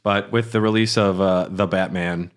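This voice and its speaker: A man's voice: low-pitched, fairly even intonation, moderate pace, smooth. A man hosting a podcast in a casual chat, laughing often and reading listener mail aloud. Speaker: podcast host.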